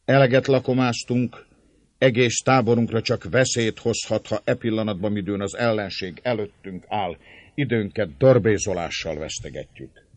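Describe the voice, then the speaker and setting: A man voicing a sober, cautious male lieutenant giving calm, measured counsel. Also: on the low side, dry recording, voice pushed up, close to an everyday voice. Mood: earnest.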